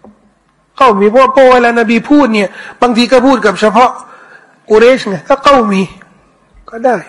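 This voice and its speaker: High-voiced man teaching a relaxed religious lesson. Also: poor audio. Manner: casual, repeats words, recites Arabic slowly. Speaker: Islamic teacher. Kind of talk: Quran commentary lesson with audience questions.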